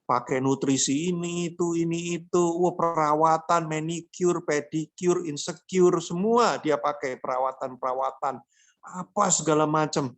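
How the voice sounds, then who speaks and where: A man's voice: a little high, fairly even intonation, moderate pace. A man preaching a casual, joking youth sermon, slangy and acting out quoted voices. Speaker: youth pastor.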